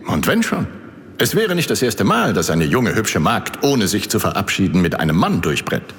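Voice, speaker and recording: An actor playing a skeptical, dismissive castle chancellor with formal archaic speech in a gothic audio drama. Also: male voice, fairly low pitch, very animated, moderate pace, fairly bright tone. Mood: impatient, dismissive. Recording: long reverberant hall.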